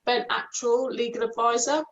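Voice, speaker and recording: A woman's voice: a little high, little pitch movement, moderate pace, vocal fry. A woman chairing a formal committee meeting over a video call, reading out the procedure with the odd hesitant um. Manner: reads procedure aloud with hesitant ums. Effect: heard over a video call. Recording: dull lo-fi video call audio.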